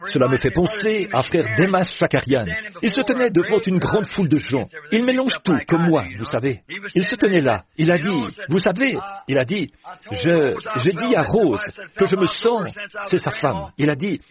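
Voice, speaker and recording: A man's voice: fairly high pitch, very animated, normal speed. An older man preaches to a church crowd in a folksy, joking manner, his voice rising and falling with real liveliness. The sound is muffled and dull, like an old tape, and the congregation is audible behind him. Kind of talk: sermon. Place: church platform before a congregation. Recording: muffled old recording, audience heard.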